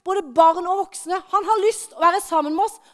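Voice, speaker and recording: A woman preaching to children and adults in church, telling a lively story and asking the audience questions. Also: extremely high pitch. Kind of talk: children's sermon.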